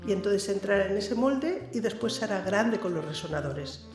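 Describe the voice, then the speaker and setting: A woman's voice: mid-range voice, lively intonation, normal speed. Woman singing coach, emphatic tutorial delivery, roomy echo, faint music bed. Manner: emphatic, addresses viewer directly with frequent "¿eh?". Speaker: singing teacher. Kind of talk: vocal coaching lesson to camera. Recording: echoey room with faint background music.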